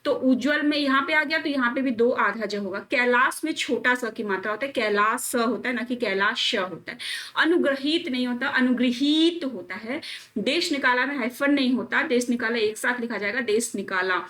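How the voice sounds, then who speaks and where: A young woman teacher, drilling exam spellings by repeating each word slowly. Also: a little high, a bit bright. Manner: calls students friends and children, coaxing. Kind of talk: exam-prep spelling lesson.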